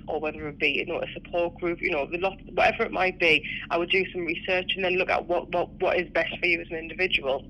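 A man who used to smoke, talking earnestly about quitting, with halting restarts. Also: a little high, sharp tone, a little hiss or hum, low-quality recording. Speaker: former smoker. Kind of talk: personal testimony.

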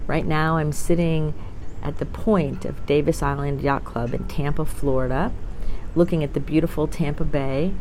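Female meditation guide, low register, very measured and soothing, clear outdoor wind noise behind. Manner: calm, soothing, unhurried delivery with long pauses. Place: outdoors at a waterfront yacht club by a bay. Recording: windy outdoor noise, distant boat ambience. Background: outdoor wind and waterfront ambience.

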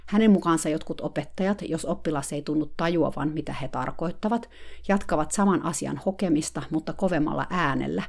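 A woman reads her diary entry aloud, telling it in a dry, wry way. Her voice sits low. It has a gravelly creak to it. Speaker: blogger narrating a diary. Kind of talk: read diary narration.

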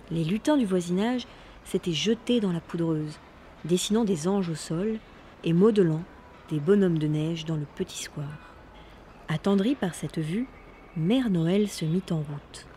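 A woman narrating a Christmas storybook with lively, playful delivery and little sound words. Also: fairly low pitch, slight background noise.

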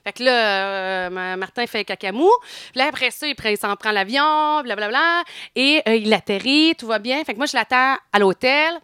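A middle-aged woman with a Quebec French accent tells a long story as a podcast co-host. Her voice is bright and crisp, and she laughs easily as she talks. The sound is close and dry. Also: a little high, normal speed, dry recording. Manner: animated storyteller, laughs often. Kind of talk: casual chat.

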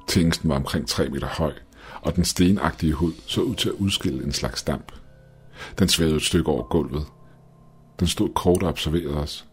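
A man narrating a first-person horror story in a tense, dramatic way. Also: a bass voice. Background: faint music.

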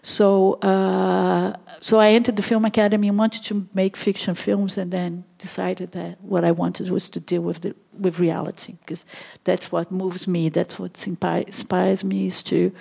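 Brazilian woman, guest filmmaker; creaky voice with a steady, flat delivery, unhurried answers full of pauses and restarts. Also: lowish voice. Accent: Brazilian Portuguese. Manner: halting, searching for words with many pauses. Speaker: documentary filmmaker, interview guest. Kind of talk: unscripted interview answers.

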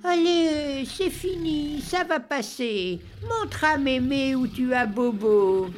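A storyteller voicing a doting old grandmother who soothes in gentle baby talk. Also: high voice, sing-song, slow, voice pushed up, exaggerated voice. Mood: cooing. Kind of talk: storybook character voice. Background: music.

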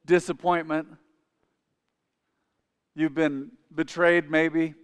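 The congregation echoes phrases back at the request of this pastor in his forties, who preaches with a fairly high, smooth voice, level tone and drawn-out words. His church sanctuary adds the long reverb of a large hall.

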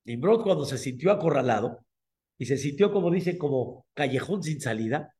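A man with a Mexican Spanish accent giving a sermon as a rabbi, telling the story with emphatic repetition and frequent throat clearing. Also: fairly high pitch, expressive, normal speed, a little mellow. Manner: emphatic, repeats key words, clears throat often.

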